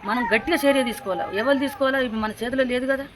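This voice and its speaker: A woman's voice: high-pitched, fairly even intonation, rapid-fire, a crowd in the background. Grieving mother with a Telangana accent. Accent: Telangana Telugu. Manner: pleading, repetitive, insistent demands for justice. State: grieving, distraught. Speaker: grieving mother of a murdered daughter. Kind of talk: emotional interview testimony.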